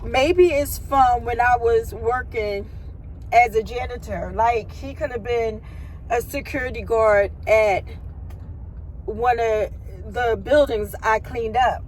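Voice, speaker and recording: A woman's voice: on the high side, takes it slowly. A young woman chatting casually to her phone camera, telling a story and calling her viewers y'all. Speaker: vlogger. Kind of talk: casual chat. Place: outdoors on a city street and in a car. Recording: faint street and car noise.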